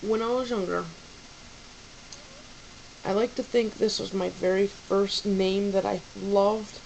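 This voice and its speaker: A young woman talks through her favorite names at an unhurried pace, drifting and restarting as she goes. Her voice sits in a gravelly fry, and a faint hiss runs underneath the recording. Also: medium pitch, darkish tone, low-quality recording. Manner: rambling, many fillers and restarts. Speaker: vlogger. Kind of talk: casual chat about baby names.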